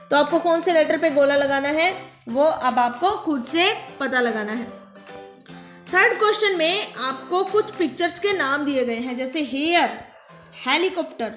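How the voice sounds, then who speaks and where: A high-voiced woman teaches young children their letter sounds. She speaks slowly and patiently, repeating each word and asking questions back. The recording is echoey, with faint music behind her. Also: fairly bright tone. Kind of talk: phonics lesson for young children.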